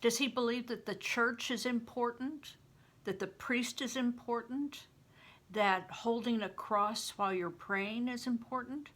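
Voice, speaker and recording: Here a grandmotherly older woman speaks unhurriedly in a voice on the high side with a fairly bright tone. She reads a story aloud, talks it through informally to explain it, and puts questions to those listening.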